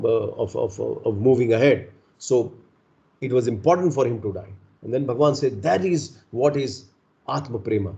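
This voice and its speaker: A dull, slightly muffled recording of a man with an Indian accent giving a devotional talk. His voice is soft-edged and mellow, at an ordinary male pitch. He teaches earnestly, putting rhetorical questions to his listeners as a spiritual guide would. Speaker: spiritual speaker leading a satsang. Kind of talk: devotional discourse to a congregation.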